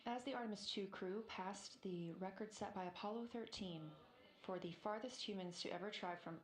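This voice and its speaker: A woman's voice: medium pitch, normal speed, reverberant. A woman reading scripted spaceflight commentary as a mission control announcer.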